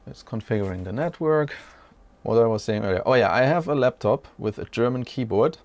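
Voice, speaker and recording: A tech host in his forties talks a little fast with lively intonation, his medium-pitched voice slightly mellow. He's giving an unscripted walkthrough from a small room at home. The delivery is casual, rambling and chatty, with self-corrections throughout.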